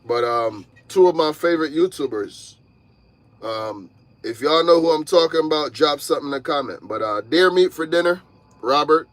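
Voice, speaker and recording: A Jamaican-born man in his thirties, a truck driver vlogger, chats casually on a livestream from the cab of his parked truck. He's animated and laid-back, addressing viewers directly as y'all. His voice is fairly high and bright, at a moderate pace, with no echo.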